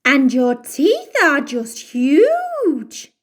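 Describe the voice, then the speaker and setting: Storybook little girl, voiced by a woman: innocent, sweet, exclaiming, high and slow with big pitch swings. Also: wildly swooping pitch, roomy sound, full character voice. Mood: wondering.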